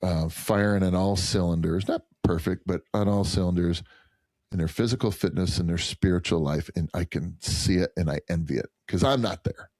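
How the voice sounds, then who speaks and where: Low, dark-voiced man talking earnestly. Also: normal speed, no echo. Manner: earnest, rambling with many restarts. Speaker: podcast guest, chiropractor. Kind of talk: casual podcast conversation.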